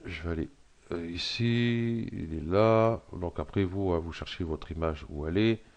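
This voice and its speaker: Middle-aged man, very low voice, hesitant screen-tutorial walkthrough, slightly hoarse throat. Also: moderate pace. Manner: hesitant, thinking aloud with many fillers. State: frog in his throat. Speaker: tutorial presenter. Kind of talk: screen-recorded software tutorial.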